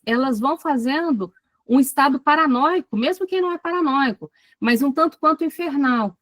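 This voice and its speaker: A woman's voice: high-pitched, no room sound. A woman with a Brazilian Portuguese accent giving an online psychoanalysis lecture, speaking animatedly and turning to her students with frequent asides. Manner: animated, talks to students directly with many asides. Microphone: video call.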